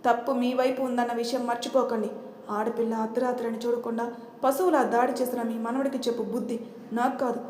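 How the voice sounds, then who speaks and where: A woman voicing a scheming middle-aged mother who complains loudly and theatrically. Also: a little high, level tone, a little fast, close to an everyday voice. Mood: indignant. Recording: roomy echo.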